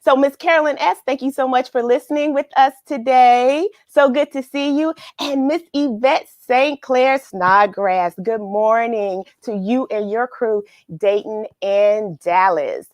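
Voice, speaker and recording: Her voice sits a little high and a little mellow, at a measured pace with few pauses, and there's no room sound. She's hosting a kids' read-along in a relaxed, gushing style, repeating words in a sing-song way, greeting her livestream audience and reading from a picture book.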